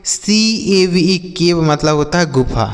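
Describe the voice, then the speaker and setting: A man's voice: on the high side, animated, takes it slowly, in a large hall. A man teaching English vocabulary to beginners, spelling each word letter by letter, repeating it, and asking and answering his own questions. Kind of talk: slow spoken English lesson for beginners.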